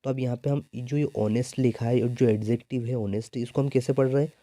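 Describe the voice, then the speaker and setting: A male teacher with a Hindi accent walks students through exam grammar questions, constantly asking "what comes here?" and answering himself. His voice is deeply mellow and warm, recorded dry and close with almost no room sound. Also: fairly even intonation, fairly quick, no echo. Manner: repetitive call-and-response questioning. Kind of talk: exam-prep grammar lesson.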